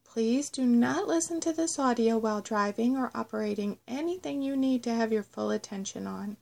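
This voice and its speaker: A woman narrating a scripted guided meditation in a measured, instructional way. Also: fairly high pitch, gravelly, darkish tone. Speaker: host of a guided self-love meditation audio.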